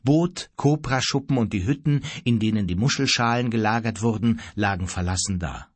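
A man narrating an adventure audiobook in a dramatic, lively storytelling manner. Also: fairly low pitch, normal speed, breathy edge, no room sound. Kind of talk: scripted narration.

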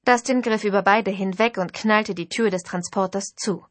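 Female audiobook narrator, husky and intimate, first-person novel, dry booth sound. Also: mid-range voice, steady tone, moderate pace, no room sound.

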